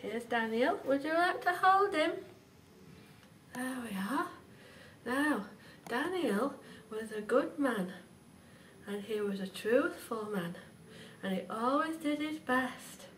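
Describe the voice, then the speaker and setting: A woman telling a Bible story to young children in a gentle, sing-song way, often asking the listener questions. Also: high voice, lively intonation, slow pace, long pauses. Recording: roomy, distant mic, faint background hiss.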